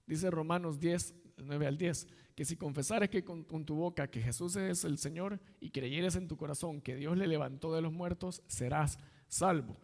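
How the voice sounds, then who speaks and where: A man's voice: on the high side, moderate pace, gravelly, a little mellow, in a large hall. A man, an assistant pastor, preaching a sermon in a conversational way and weaving in personal stories.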